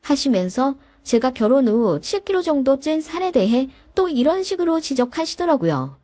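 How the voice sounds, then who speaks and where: A woman's voice: sits high, very animated, normal speed, warm tone, dry recording. A woman narrating a first-person story with a dramatic, emotional telling.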